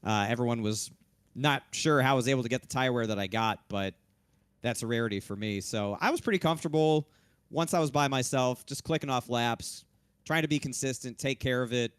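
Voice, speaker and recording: Man, race winner, post-race interview, slightly hoarse, smooth voice, dry close sound. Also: medium pitch, brisk, no room sound. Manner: relaxed, loose, frequent restarts and fillers. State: losing his voice. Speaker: race-winning sim racing driver.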